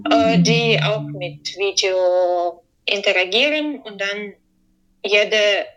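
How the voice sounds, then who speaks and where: Hesitant slow-talking woman. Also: mid-range voice, fairly bright tone, lo-fi sound, a little hiss or hum. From Ukraine. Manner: hesitant, searching for words, many fillers. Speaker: composer. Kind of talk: interview answers.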